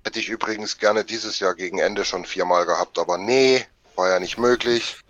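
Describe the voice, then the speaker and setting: Man hosting a casual hockey podcast. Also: lowish voice. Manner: relaxed, quick affirming interjections. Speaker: podcast host. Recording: dull, dry home mic.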